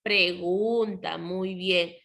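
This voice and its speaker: A woman teaching a primary school class over a video call, patiently asking the children questions and often clearing her throat. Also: on the low side, steady tone, extremely slow, fairly bright tone. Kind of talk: online class lesson.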